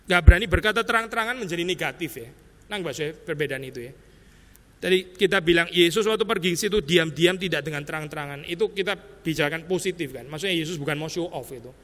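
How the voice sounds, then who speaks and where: Bright-voiced man preaching in a hall. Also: high-pitched. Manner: conversational preaching, tag words like "ya" and "saya"; mixes English terms into his preaching. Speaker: pastor. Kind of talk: expository sermon.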